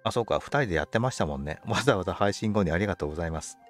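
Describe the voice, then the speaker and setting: Low-voiced man musing aloud, lively pitch. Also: rapid-fire, faint music behind. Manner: polite speech, musing aloud to himself. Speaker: game streamer. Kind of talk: casual livestream game commentary.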